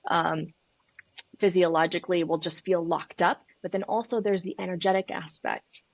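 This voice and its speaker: A Peruvian sex and relationship coach speaks as a guest in a podcast interview, candid, passionate, and frank, with swearing. Her voice is fairly low with fairly even intonation at a normal speed, and the highs are cut off.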